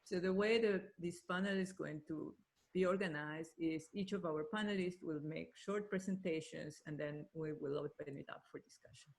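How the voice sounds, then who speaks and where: A woman's voice: low voice, normal speed. A woman hosting an online meeting and moderating a panel, organizing things as she goes and switching between two languages, heard through a computer mic on a video call.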